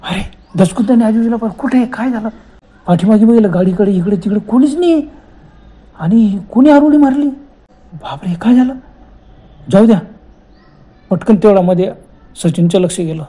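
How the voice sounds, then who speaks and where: A man narrating a horror story in a lively, exclaiming way, acting out the characters' cries and dialogue, with a Marathi accent. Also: high-pitched, normal speed, long pauses.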